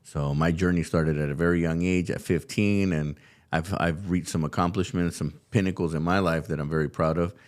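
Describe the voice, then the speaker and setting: Male talk-show host from California, deep voice, casual and upbeat, rambling with restarts, studio recording. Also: steady tone, brisk. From California, USA. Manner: upbeat, loose, lots of fillers and restarts. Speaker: podcast host. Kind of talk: casual interview chat.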